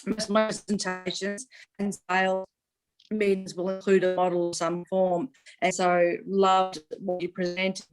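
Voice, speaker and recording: Hesitant woman, mid pitch, speaking on a choppy internet group call. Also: little pitch movement, a little slow, clear, resonant tone, faint music behind, rough recording. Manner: hesitant, apologetic, with fillers. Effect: voice heard over a choppy internet group call. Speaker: webinar participant asking a question.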